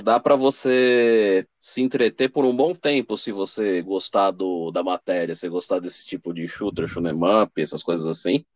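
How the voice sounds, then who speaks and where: A man's voice: low voice, steady tone, moderate pace, hardly any pauses, no echo, muffled recording. A man with a Brazilian Portuguese accent co-hosting a casual podcast, laid-back and easygoing in manner. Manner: laid-back, drops "cara" a lot. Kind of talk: casual chat.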